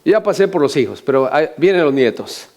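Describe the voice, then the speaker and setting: A man's voice: a little high, big pitch swings, fast talker, darkish tone. An older male pastor preaching a sermon, often asking the congregation questions and adding joking asides.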